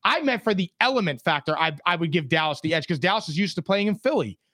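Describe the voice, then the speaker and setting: A man's voice: high voice, lively intonation, quick pace, bright, forceful tone, no room sound, studio quality. A man in a casual sports debate as a co-host, opinionated and conversational, pushing back on the other side.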